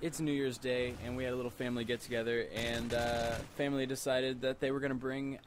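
A man's voice: mid-range voice, flat delivery, quick pace. Tipsy, rambling man with noisy background. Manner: rambling, repeats himself. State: tipsy from alcohol. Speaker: gamer commentator. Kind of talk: casual game commentary over gameplay.

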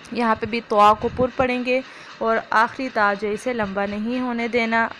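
Woman, recitation teacher; slow drawn-out model phrases, quick explanations; high, even voice. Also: a little hiss or hum, low-quality recording. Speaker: tajweed teacher. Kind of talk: online recitation lesson.

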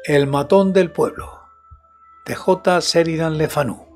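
A man in his seventies narrating a horror tale in a slow, deliberate, measured storytelling manner, close on a studio microphone. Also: on the high side. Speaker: audiobook narrator and host of a horror story show. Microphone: close studio microphone with headset monitoring. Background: background music.

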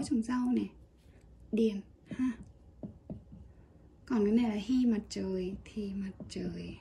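A woman teaching a casual Japanese kanji lesson, chatty and relaxed with small laughs. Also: a little high, slight background noise.

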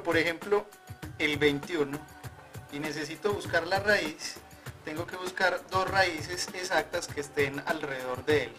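High-voiced, emphatic Antioquian man. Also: a bit bright. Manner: emphatic, protesting, laughing. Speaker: guest in a comic math segment. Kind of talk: comic sketch banter.

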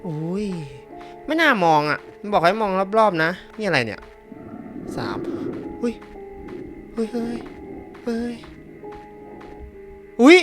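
A man talks through a horror game, reading its text aloud. He is jumpy and yelps and curses at scares, with a wildly swinging pitch. Faint game music plays behind him. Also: very animated, normal speed, long pauses. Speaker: gamer. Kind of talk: horror game playthrough commentary.

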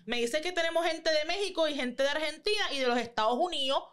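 Young Puerto Rican woman, high voice, brash and profane, playful podcast co-host, close studio mic. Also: fast talker. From Puerto Rico. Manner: brash, profane, joking and animated. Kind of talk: casual chat. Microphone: boom-arm studio mic.

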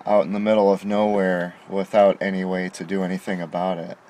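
A man's voice: low-pitched, flat delivery, a little fast, dark tone. A middle-aged man venting to camera from inside a parked car at night, aggrieved and indignant, pressing hard on his complaints. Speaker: vlogger. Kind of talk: frustrated monologue to camera. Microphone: camera on dashboard facing him.

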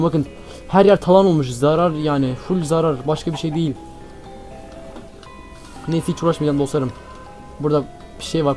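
A man narrates a game in a frantic rush, repeating phrases and calling out to his viewers as friends. His voice sits fairly high yet sounds warm and mellow. Faint music plays underneath. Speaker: Minecraft gameplay streamer. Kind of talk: excited gameplay commentary.

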